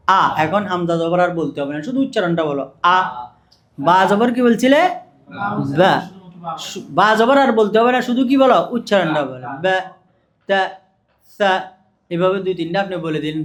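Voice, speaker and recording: High-voiced man coaching reading teachers. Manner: asks and answers his own questions, drills syllables slowly. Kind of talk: teacher training lecture.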